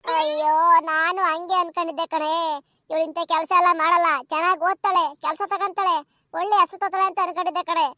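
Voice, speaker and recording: A woman voicing a scolding, gossiping village grandmother in a cartoon, talking in a fast, nagging, dramatic way. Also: very high voice, level tone, bright, forceful tone, no room sound, clean studio sound. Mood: scandalized.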